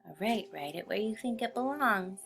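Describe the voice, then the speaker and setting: A woman teacher giving a patient phonics spelling lesson, clearly sounding out each letter. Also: medium pitch, animated, moderate pace, fairly bright tone, faint music behind.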